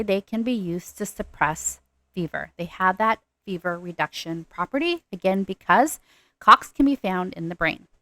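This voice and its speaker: A woman giving a recorded nursing pharmacology lecture. She talks deliberately and stresses the key terms as she explains them. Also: medium pitch, fairly bright tone, no echo.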